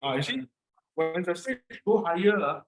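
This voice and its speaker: A man's voice: sits high, expressive, moderate pace. A man with a Singaporean accent giving casual, encouraging step-by-step instructions in short repeated phrases. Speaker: instructor guiding a player through a brain game. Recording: roomy, echoing sound.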